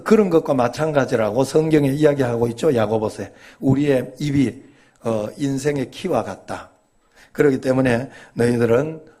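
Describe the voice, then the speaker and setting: A male pastor giving a sermon in a conversational, folksy way, telling humorous stories and prompting his congregation with quick rhetorical questions. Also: medium pitch, dark tone.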